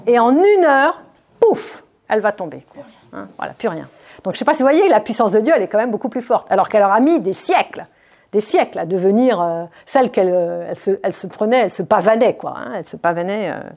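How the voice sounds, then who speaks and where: A woman giving a Bible study talk, reading verses and explaining them in a spontaneous, halting way with many fillers and restarts. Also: medium pitch, lively intonation, darkish tone. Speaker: Bible teacher.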